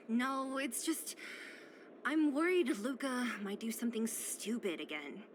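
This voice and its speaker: Slow-spoken, reluctant young woman, game ambience. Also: a little high, sing-song, slight background noise. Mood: reluctant, worried. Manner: sighing, dry, reluctant. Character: reluctant young woman, blunt and weary, worried about a friend. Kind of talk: video game character acting.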